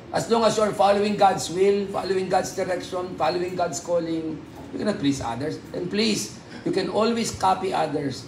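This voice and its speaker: Gravelly-voiced Filipino pastor joking from the pulpit. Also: male voice, reverberant, a little hiss or hum, rough recording. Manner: animated, joking, swings into loud high exclamations. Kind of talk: humorous sermon. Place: church hall.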